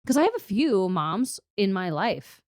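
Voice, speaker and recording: A woman's voice: medium pitch, sing-song, unhurried, a little mellow, no echo. A woman co-hosting a chatty podcast, wandering from thought to thought and breaking into laughter often. Her voice sits in an ordinary middle range and comes through dry and close on the mic. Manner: rambling, laughs often, swears casually. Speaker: podcast co-host. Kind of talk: casual chat.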